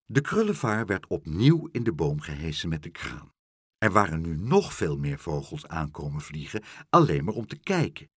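A man reads a children's story aloud in a low, husky voice, taking his time. His reading swings widely in pitch, and the close, dry recording has no room echo. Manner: slow, expressive reading.

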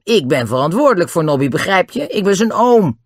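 A man's voice: high voice, very animated, brisk, no echo, studio quality, pitched above the performer's own voice, exaggerated voice. A man voicing an angry, bullying circus uncle who threatens and hisses. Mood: gruff. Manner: threatening, hissing.

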